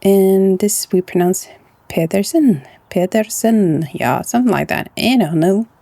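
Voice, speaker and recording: A woman with a Norwegian accent hosting a casual let's-play, chatty and often dropping into a soft half-whisper. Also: medium pitch, animated, moderate pace, gravelly, dry recording. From Norway. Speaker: gaming channel host.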